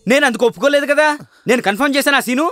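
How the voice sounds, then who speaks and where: A man's voice: very high voice, racing, a bit bright. A man playing a pompous, bossy film director who mocks and scolds his writer. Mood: scolding. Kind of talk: comedy short film acting. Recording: music playing behind.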